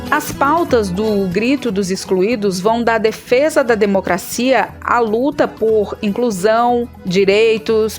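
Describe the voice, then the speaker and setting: A woman with a Pernambuco Brazilian accent, co-hosting a podcast in clear, informative scripted narration. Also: mid-range voice. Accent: Pernambuco Brazilian Portuguese. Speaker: podcast co-host.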